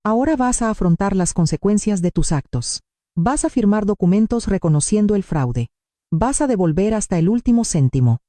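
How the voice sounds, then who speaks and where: A woman narrating a dramatic story in the first person, steady and emphatic. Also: mid-range voice, moderate pace, no echo, studio quality.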